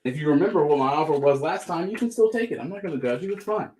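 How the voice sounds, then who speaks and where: Upbeat man pitching comics live. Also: expressive, fast, a little mellow, a little hiss or hum. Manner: upbeat, joking pitchman patter. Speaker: host selling comics on a live stream. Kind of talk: live sales chat.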